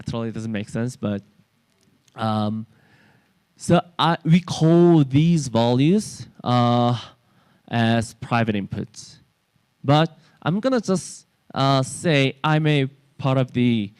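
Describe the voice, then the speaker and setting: A man from South Korea lectures at a conference workshop in Korean-accented English, stopping often to restart his sentences. He speaks slowly and deliberately. His voice is smooth and clear, recorded dry and close with little room sound. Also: medium pitch, a little mellow, no echo. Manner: halting, many fillers and restarts. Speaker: workshop presenter. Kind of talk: technical lecture.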